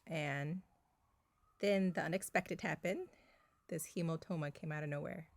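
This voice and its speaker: A woman's voice: deep voice, moderate pace, gravelly, dry recording. A woman in her thirties chatting casually about a personal experience as a vlogger, filling her talk with fillers and little laughs, recorded in her bedroom at home. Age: 30s.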